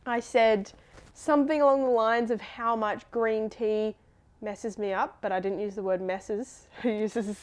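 A woman with an Australian accent co-hosting a podcast, chatting casually and telling stories in an animated, giggly way. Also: on the high side, unhurried. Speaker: podcast co-host.

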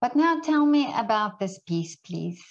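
A woman interviewer asking questions in a halting, stop-start way. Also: fairly high pitch, sing-song. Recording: slightly dull, off-mic sound.

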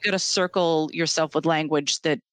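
Earnest low-voiced woman musician, dry sound. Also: steady tone, brisk, dry recording. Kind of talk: casual conversation.

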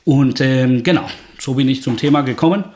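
Guatemalan-born male researcher, podcast guest, measured and hesitant delivery, mid-pitched. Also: darkish tone. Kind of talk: podcast interview.

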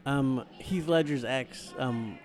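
A man's voice: mid-range voice, takes it slowly, soft background music. A man co-hosting a casual movie chat in a blunt, sweary, slangy way.

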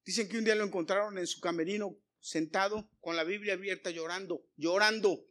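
A man's voice: high-pitched, steady tone, a little fast. Emphatic preacher man. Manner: emphatic, swings between loud calls and hushed lines; addresses congregation directly with rhetorical questions. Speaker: pastor. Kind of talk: sermon.

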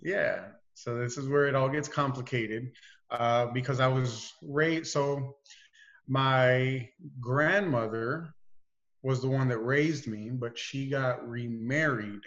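A man being interviewed on a podcast, telling a family story in an easygoing, halting way. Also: medium pitch, a bit bright, dull audio. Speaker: podcast guest. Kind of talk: casual interview chat.

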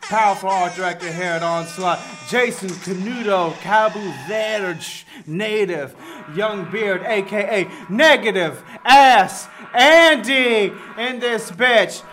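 A man's voice: sits high, slow, long pauses, pushed and bright, faint music behind. A man announcing a podcast intro in a hyped, profane style, rattling off topics, his voice fuzzy and distorted. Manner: rattles off a long list of topics. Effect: fuzzy distorted audio.

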